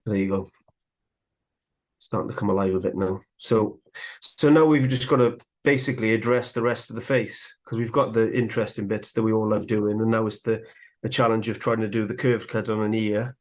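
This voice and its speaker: A man gives a live woodcarving tutorial, talking casually as he carves. His voice sits low and stays fairly flat in pitch. He sounds slightly out of breath from the work. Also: brisk. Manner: relaxed, chatty, talks while working. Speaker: woodcarving instructor.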